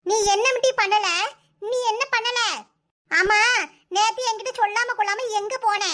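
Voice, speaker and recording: Woman voicing a cartoon mother-in-law, old and sharp-tongued, Kanyakumari Tamil accent, very high squeaky voice, nagging and sarcastic. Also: fairly even intonation, measured pace. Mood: scolding. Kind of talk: comic cartoon dialogue.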